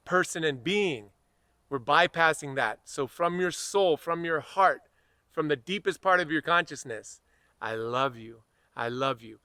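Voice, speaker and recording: An American man giving a slow, earnest spiritual self-help lesson, speaking softly and repeating phrases. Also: a little high, dry recording, clean studio sound. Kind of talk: guided spiritual talk to camera.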